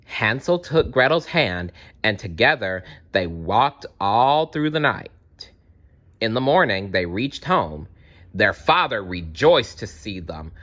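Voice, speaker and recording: Here a man tells a fairytale for a young audience, speaking directly to them and full of expression. His storyteller's voice is bright and forward though a touch low in pitch.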